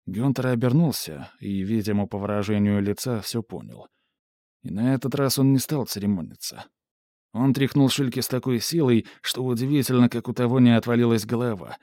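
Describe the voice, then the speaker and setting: A man narrating a novel in even, measured audiobook style. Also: mid-range voice, no room sound, clean studio sound.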